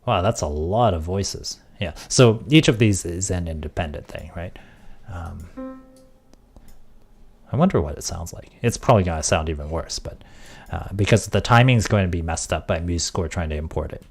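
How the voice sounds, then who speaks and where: A man streaming casually, thinking aloud as he works on audio software and trailing off into quiet mutters. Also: deep voice, moderate pace, soft background music. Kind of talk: casual tech livestream.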